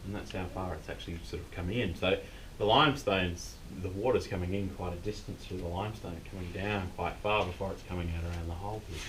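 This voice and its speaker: A low-voiced Australian man gives an informal, unscripted guided tour inside a cave. He is picked up from a distance, with a noticeable rumble of background noise around his casual explanations. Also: fairly even intonation, fast, a bit bright. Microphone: distant camera mic.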